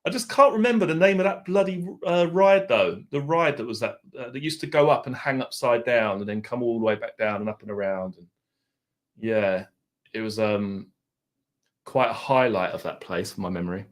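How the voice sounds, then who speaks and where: Speaking at a normal speed in a mid-range voice, this Essex-accented man runs a live stream and chats with his viewers. His rambling is casual and his banter easygoing, with mild swearing along the way.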